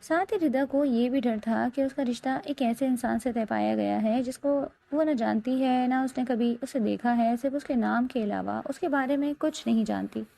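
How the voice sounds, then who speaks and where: A woman reads a romantic novel aloud as a steady, scripted story narration. Her voice is slightly high, with a gravelly, creaky edge and a mellow, dark tone. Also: hardly any pauses.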